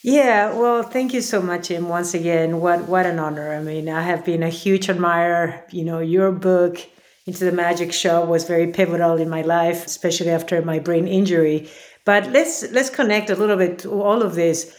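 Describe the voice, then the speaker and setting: Female guest from Peru, earnest and reflective, slightly low pitch. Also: moderate pace. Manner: earnest, reflective, with many fillers. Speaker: podcast guest, author. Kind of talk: personal interview.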